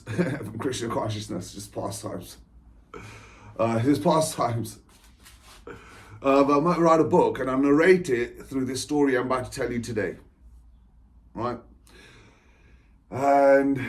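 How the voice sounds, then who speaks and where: A man, an author talking through his life story in a rambling, chatty way, laughing often and repeating himself. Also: medium pitch. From England. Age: 40s. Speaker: author and spiritual coach. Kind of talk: rambling personal monologue.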